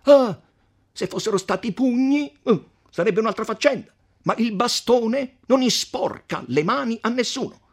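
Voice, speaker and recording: A man's voice: extremely high pitch, expressive, unhurried, pitched above the performer's own voice, full character voice. Man doing a brash, scoffing young nobleman. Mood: boisterous. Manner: loud, boisterous, scoffing.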